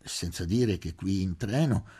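Man reading as nervous middle-aged doctor, stammering and fussy, low husky voice, mellow tone, audiobook character. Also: a little slow, heavily acted. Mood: flustered. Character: timid, anxious middle-aged male doctor.

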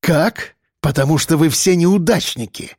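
A man's voice: on the high side, measured pace, darkish tone, slightly rough, dry recording, clean studio sound. A man voicing a spoiled, spiteful young man with a sneering, venomous, shrieking voice.

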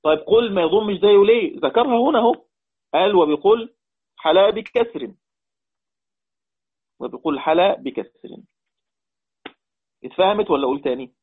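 Egyptian guy teaching quran readings, husky kinda high voice, quizzes students, tinny phone-like sound. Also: animated, moderate pace, pauses often. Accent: Egyptian Arabic. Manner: repeats points and quizzes students. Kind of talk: online lesson explaining readings.

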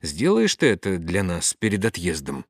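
A man reading the part of a gentle, patient young priest in an audiobook. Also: low voice, normal speed, husky, no room sound, studio quality, pitched below the performer's own voice, full character voice. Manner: soft and calm.

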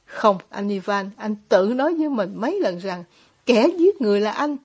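A woman voicing a gentle, devout young man who speaks quietly and deliberately, read as an audiobook. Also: medium pitch, lively intonation, husky. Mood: hushed. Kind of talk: audiobook reading of dialogue.

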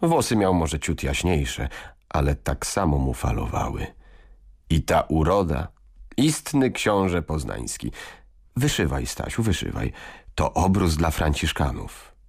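A man's voice: very deep voice, very animated, a little slow, breathy edge, full character voice. A man voicing a cheerful medieval queen. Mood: fond. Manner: fond, chatty, gently teasing. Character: gentle, cheerful middle-aged medieval queen.

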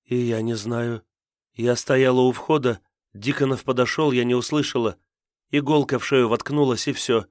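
A man voicing a frightened, fierce captive woman who shouts and pleads in a high, strained voice. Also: steady tone, normal speed, no echo, clean studio sound, lightly acted. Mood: pleading.

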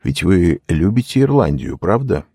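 A man voicing a gentle, cunning old male lord who talks in a mild, measured, persuasive way. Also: deep voice, sing-song, vocal fry, slightly rough, dry recording, clean studio sound, heavily acted.

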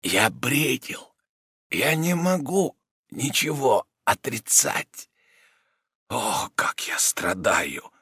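A sick, exhausted, cunning Jesuit, as a man puts him on, forces out slow, halting words, often dropping to a whisper. Under the weakness runs a thread of mocking irony. The sound is dry and close. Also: medium pitch, lively intonation, fairly bright tone, breathy edge, no room sound, pitched above the performer's own voice, exaggerated voice. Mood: suffering. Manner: weak, halting, ironic, half-whispered. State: feverish and exhausted. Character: gravely ill, cunning, mocking male Jesuit.

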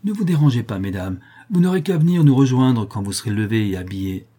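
A man's voice: mid-range voice, animated, fast, dark tone, breathy edge. A man reading aloud, voicing a courteous working-class neighbor.

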